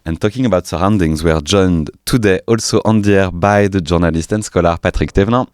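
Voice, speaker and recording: A man's voice: deep voice, fast talker, darkish tone, clean tone, no room sound. A man with a French accent hosting a casual radio interview in a studio, playful and chatty. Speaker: radio host.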